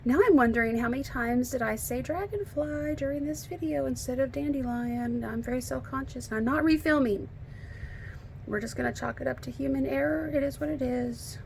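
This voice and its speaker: Speaking briskly in a high, somewhat mellow voice, a woman walks through card making at a home craft table in a relaxed, chatty way. Allergies have left her slightly froggy and hoarse, and she thinks aloud and jokes at her own expense. There's slight background noise.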